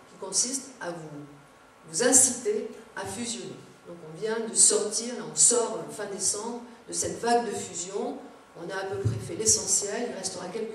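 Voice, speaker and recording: Addressing elected officials in a public lecture, a woman with a mid-range, slightly mellow voice explains her points and drops in informal asides; she's a conference speaker and local government adviser. The recording comes from a big, echoing indoor seminar room with a far-off mic and background noise.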